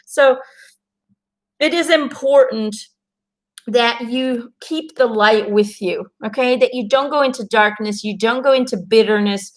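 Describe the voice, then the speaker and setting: A Belgian woman whose first language is Dutch gives viewers an earnest, casual card reading as an intuitive reader, encouraging them amid many fillers and restarts. Her voice is on the high side and measured.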